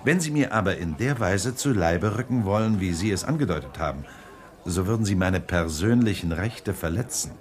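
In a 1960s-70s style radio drama, a male actor with a low-sitting voice plays a suave, composed lawyer and political candidate suspected of being a robot. He speaks at a moderate pace, calm, precise and coolly polite, with a cool mood.

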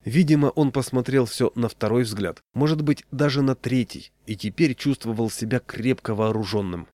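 A man narrating a humorous short story in a wry, deadpan way. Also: mid-range voice, normal speed, no room sound. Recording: dry close recording.

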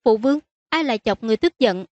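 A woman voicing a spirited young princess, pleading with her father in a high, wheedling voice. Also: animated, fast, darkish tone, no echo, muffled recording, natural voice.

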